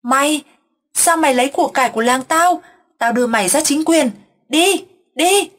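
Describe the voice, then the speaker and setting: Woman doing a frantic possessed old man for a horror tale: husky, shouting high, raving accusations. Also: normal speed. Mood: accusing. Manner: shouting accusations, wild and fearful.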